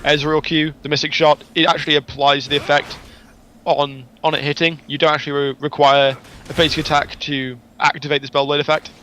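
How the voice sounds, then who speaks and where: Male co-caster, analytical color commentary, slightly raised pitch. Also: level tone, sharp tone, slight background noise. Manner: explanatory, measured analysis. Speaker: guest co-caster.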